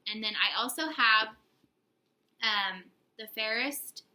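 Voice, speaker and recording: A woman's voice: on the high side, takes it slowly, pushed and bright, rough recording. A young woman co-hosting a casual book haul video, chatty and giggly, teasing herself as she talks. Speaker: book channel co-host.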